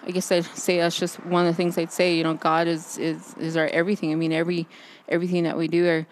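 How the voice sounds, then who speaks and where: A woman co-hosting a casual outdoor faith podcast, talking haltingly with many restarts and fillers. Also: fairly low pitch, monotone, a little hiss or hum. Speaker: podcast co-host. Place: outdoors under a backyard overhang by a fire pit.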